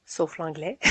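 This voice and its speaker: A woman's voice: a little high, a bit bright, slightly rough, no room sound. A sociable woman in her forties with a Québécois French accent, casually telling her own story in an interview and laughing often between phrases. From Quebec.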